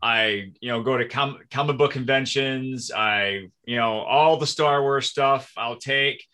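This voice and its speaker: Podcast guest: man, forties, from Minnesota, friendly self-deprecating storyteller, sharp bright voice. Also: medium pitch, a little slow, clear, resonant tone. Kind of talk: casual conversation.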